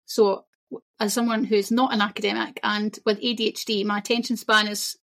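A woman's voice: mid-range voice, a little fast. Chatty Scottish woman guest. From Scotland. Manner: chatty, laughs easily, animated bursts. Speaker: guest, shamanism teacher. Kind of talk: casual interview chat.

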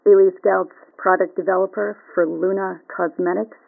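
A woman's voice: mid-range voice, level tone, moderate pace, gravelly, husky. An actress playing a threatening woman caller, heard over a speakerphone, cold and insistent. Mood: menacing. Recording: tinny phone line.

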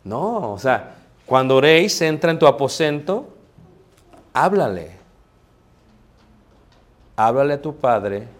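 A man's voice: medium pitch, sing-song, slow, pauses often. A man preaching a sermon, talking to the congregation in a conversational way and asking them rhetorical questions. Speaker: pastor.

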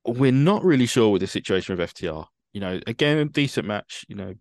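A man with a very deep voice talks in a dry, wry, opinionated way. His voice sits close and dry, with no room sound around it. He speaks in a relaxed, chatty manner. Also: fast talker, no room sound. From United Kingdom. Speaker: podcast host. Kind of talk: casual chat.

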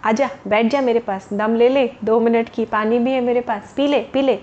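A woman voicing a shrewd, money-minded village merchant man, calling out loud and drawn-out in a storybook tale. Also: fairly high pitch, steady tone, highs cut off, close to an everyday voice. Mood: coaxing.

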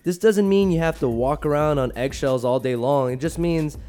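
A man's voice: fairly high pitch, normal speed, warm tone. A man co-hosting a radio show, joining in playful, upbeat banter and reading horoscopes. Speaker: radio co-host. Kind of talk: casual radio chat.

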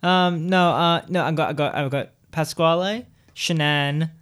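A man with a lisp that turns his R's into W's, chatting in a halting, repetitive, jokey way as a comedy podcast host. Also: a little high, fairly bright tone, clean tone. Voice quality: lisp, can't pronounce R's, says w for r. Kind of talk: casual comic banter.

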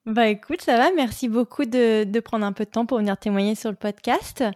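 A woman's voice: on the high side, brisk, darkish tone. A woman hosting a podcast, introducing her guest and asking friendly questions. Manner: friendly questions, short backchannels. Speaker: podcast host. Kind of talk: podcast interview.

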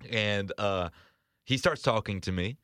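A man in his twenties, an arena host, telling a story in casual podcast chat, rambling with restarts and quick laughs. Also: on the low side, fairly bright tone, smooth, no room sound, studio quality. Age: 20s.

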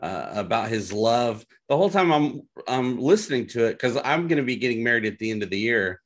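Relaxed young man podcast host. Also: medium pitch, a little fast. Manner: casual, relaxed, laughs easily, hesitant with fillers. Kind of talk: podcast interview.

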